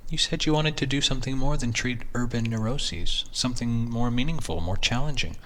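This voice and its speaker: A man voicing a concerned, probing wife with gentle, measured questions in a horror story reading. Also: mid-range voice, pitched above the performer's own voice, natural voice.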